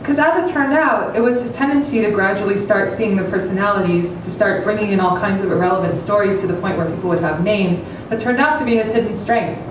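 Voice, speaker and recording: This woman, in her thirties, reads satirical fiction with drama on a small event room's stage for an audience at a literary event. She talks fast with few pauses in a medium-pitched voice; a distant stand-mounted table mic captures a very echoey, noisy hall.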